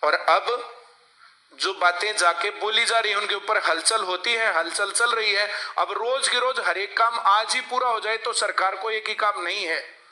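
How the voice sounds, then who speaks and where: A man's voice: high-pitched, a little slow, pushed and bright. A male coaching teacher, lecturing a class and often asking the students to answer him. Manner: lecturing, asks class for replies.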